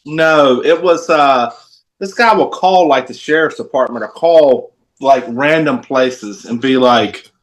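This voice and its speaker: A man's voice: medium pitch, unhurried. A man co-hosting a sports podcast, telling stories casually and often laughing at himself. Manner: laughing, self-mocking storyteller. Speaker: podcast co-host.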